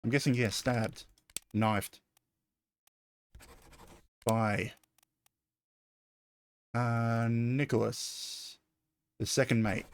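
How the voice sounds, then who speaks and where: A man's voice: mid-range voice, little pitch movement, very slow, pauses often. Man puzzling aloud over a game. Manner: puzzling aloud, hesitant, self-correcting. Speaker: streamer. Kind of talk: casual gameplay commentary.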